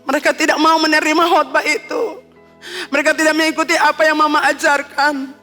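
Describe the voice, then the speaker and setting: A woman's voice: high voice, level tone, a little fast, bright, forceful tone. Fervent Ambonese woman pastor preaching. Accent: Ambonese Malay. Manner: fervent, emotional, repeats phrases. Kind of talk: sermon. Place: church hall. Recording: reverberant hall with faint music.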